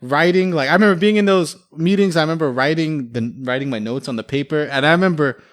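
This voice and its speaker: Young male podcast guest, quick and a bit high-pitched, loose rambling anecdotes with frequent laughs. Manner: rambling, laughs often, fills with "like". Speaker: podcast guest, military veteran. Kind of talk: casual storytelling chat.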